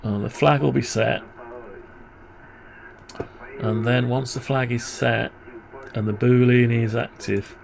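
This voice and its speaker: Presenting a programming tutorial, a man thinks aloud as he works on screen, muttering and grumbling wryly to himself. His mid-range voice is steady and slow with vocal fry and frequent pauses, and crowd noise sits behind him.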